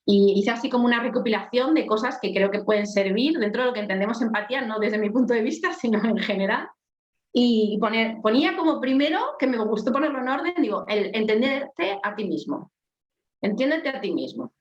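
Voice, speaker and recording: A woman with a strong voice, talking on a coaching podcast. She keeps it casual and animated and acts out small scenes as she goes. The recording is echoey and a little dull. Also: fairly high pitch, fast talker. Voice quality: strong, forceful voice. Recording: echoey, slightly dull sound.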